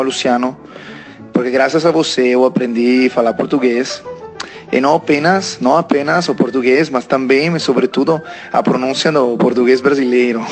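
An Italian man in his twenties speaks Portuguese with an Italian accent at a medium pitch. He's sending a listener message, hesitant and peppered with fillers.

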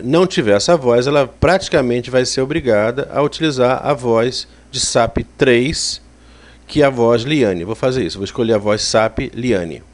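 A man with a Brazilian accent giving a spoken software tutorial in a conversational, explanatory way. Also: medium pitch. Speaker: software instructor.

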